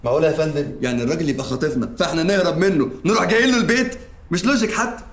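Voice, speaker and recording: A man's voice: fairly high pitch, natural voice. An actor playing a wisecracking young man with an Egyptian accent. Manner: quick, wisecracking. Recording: echoey room.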